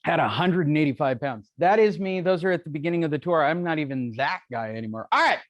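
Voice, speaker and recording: A man's voice: a little high, lively intonation, quick pace, no echo. A man coaching a real estate seminar in a brash, joking, profane way. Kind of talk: live seminar teaching.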